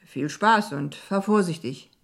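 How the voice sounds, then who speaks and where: Woman reading a young man, easygoing, gently teasing, helpful partner, storybook, lowish voice. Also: brisk. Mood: cheerful.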